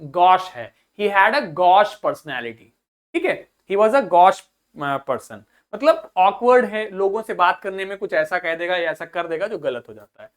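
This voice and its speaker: A man's voice: sits high, animated, measured pace. A man teaching a vocabulary lesson, explaining each word patiently and repeating it for students to echo, switching between Hindi and English.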